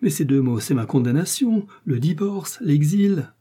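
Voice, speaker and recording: A man lifts his voice into a desperate queen, high and strained, crying out in fear. The tone stays mellow and a little husky even at its peak, each plea anguished and urgent in an audiobook reading. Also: unhurried. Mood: anxious. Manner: anguished, exclaiming pleas. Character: frightened desperate queen, a woman.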